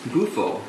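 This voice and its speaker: An actor playing a flamboyant man who tells his story in a halting, breathless theatrical monologue. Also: fairly high pitch. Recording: echoey room, distant mic, faint hum.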